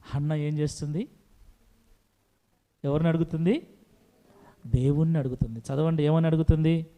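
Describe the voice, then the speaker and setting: A man's voice: a little high, steady tone, brisk, warm tone. A male preacher delivering a sermon with emphasis, asking rhetorical questions and repeating his phrases.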